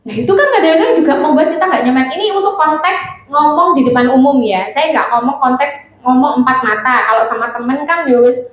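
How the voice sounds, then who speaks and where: A woman's voice: high voice, brisk, hardly any pauses. A woman with a Javanese accent giving a playful seminar talk on communication, teasing her audience. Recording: echoey hall.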